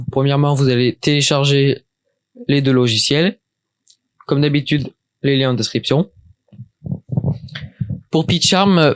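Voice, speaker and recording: A man's voice: on the high side, clean tone, no echo. A man talking through a casual computer tutorial from his desk, chatty and hesitant, often stopping and starting again. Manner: hesitant, many restarts and fillers, chatty. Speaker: tutorial maker. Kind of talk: casual screen-recorded software tutorial.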